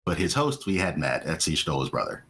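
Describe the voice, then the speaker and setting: A man on a gaming podcast, talking in an expressive, earnest way. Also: rumbling low, fairly quick, slightly rough. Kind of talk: casual podcast chat.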